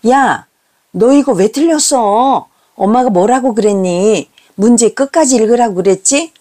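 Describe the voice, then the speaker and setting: A woman voicing a strict middle-aged mother who scolds her children with sharp, reproachful questions. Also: medium pitch, sing-song, measured pace. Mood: scolding.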